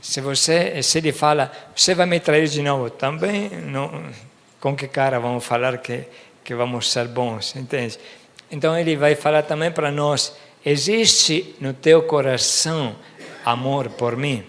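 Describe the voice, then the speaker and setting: A man's voice: a little high, normal speed, gravelly, fairly bright tone. Man preaching a homily in a reverberant church. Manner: conversational, asks listeners "entende?" often. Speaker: priest. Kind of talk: sermon. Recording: long reverb of a church hall.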